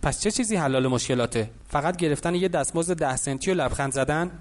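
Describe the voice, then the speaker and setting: Angry curious boy talking back, a bit higher, guy voicing him in an audiobook. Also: expressive, close to an everyday voice. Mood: defiant.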